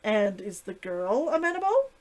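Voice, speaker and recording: A woman's voice: mid-range voice, sing-song, normal speed, natural voice. A woman voicing a curious, restrained male adventurer in a story reading. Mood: puzzled, probing. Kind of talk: acted dialogue in a story reading.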